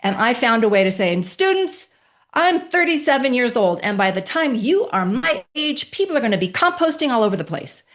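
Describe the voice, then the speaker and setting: A woman's voice: a little high, fairly quick. Emphatic woman in her fifties telling stories. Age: 50s. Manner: emphatic, animated storytelling with rhetorical questions. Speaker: guest. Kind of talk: podcast interview storytelling.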